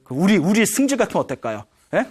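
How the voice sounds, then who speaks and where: A woman's voice: medium pitch, fast talker, slightly rough. A woman Buddhist teacher giving a humorous sermon, telling a story and often prompting her audience. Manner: lively, keeps prompting the audience, chuckles.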